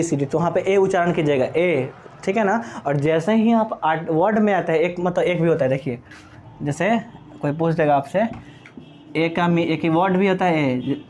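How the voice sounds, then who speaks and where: Teaching English grammar in Hindi, a man with a fairly high, slightly mellow voice spells out words letter by letter. He asks questions and answers them himself, in the manner of a classroom lecture.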